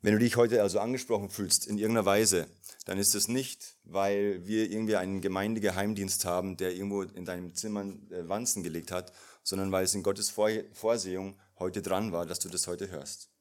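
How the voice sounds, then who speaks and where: A man's voice: low-pitched, steady tone, a little fast. A male pastor preaching a sermon in a casual, personal way with fillers.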